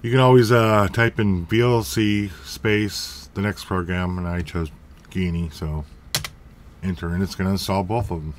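A man's voice: deep voice, steady tone, moderate pace, a little hiss or hum. A man hosting a casual computer tutorial, rambling and correcting himself with jokey asides. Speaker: tech tutorial host. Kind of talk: casual screen-recorded tutorial.

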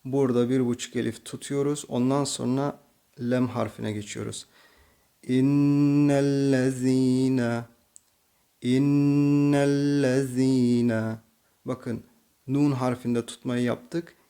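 Gravelly, dark-voiced Turkish Quran teacher. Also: male voice, mid-range voice, steady tone. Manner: patient, explains each letter, then recites slowly and drawn out. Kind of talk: slow tajweed reading lesson.

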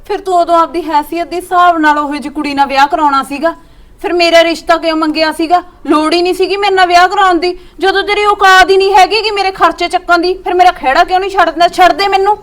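An actress playing a resentful, sharp-tongued young wife who nags and mutters bitterly, with a Malwa Punjabi accent, in a Punjabi short drama. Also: female voice, very high voice, fairly even intonation, quick pace. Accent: Punjabi, Malwa region. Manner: nagging, bitter complaints, scornful asides muttered to herself.

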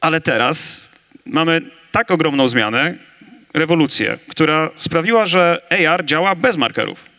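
Bright, energetic man debating on stage. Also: on the high side, a little slow. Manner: energetic, emphatic, building to big claims. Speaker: conference debater on augmented reality. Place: large conference stage with audience. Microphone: handheld mic.

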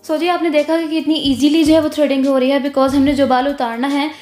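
A woman's voice: sits high, little pitch movement, brisk, a little mellow, echoey room, faint music behind. A woman, giving a beauty tutorial voice-over in an instructive way, mixing in English words. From Pakistan. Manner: instructive, repeats "jo hai", mixes English words. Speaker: beautician teaching eyebrow threading.

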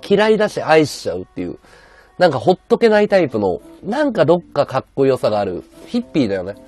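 A man livestreaming with a high-pitched voice and a sore throat, chatting bluntly and casually while reading viewer comments. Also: darkish tone. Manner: rough, blunt casual speech.

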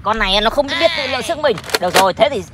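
A woman in playful pretend play with toys, boasting like a little hero with excited exclamations. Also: fairly high pitch, quick pace. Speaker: toy play video host. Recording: loud noise and crowd behind.

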